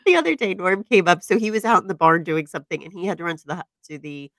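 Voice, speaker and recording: A woman in her forties co-hosting a podcast, telling stories in an animated, casual way and laughing often. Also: lowish voice, fast, no room sound. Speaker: podcast co-host. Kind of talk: casual chat. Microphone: podcast microphone.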